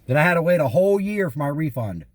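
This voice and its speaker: Very animated and fast, a man with a slightly high voice calls in to report scam calls and his stolen identity. He rambles through exasperated anecdotes in a casual way, repeating himself and quoting what was said to him before. No room sound is audible.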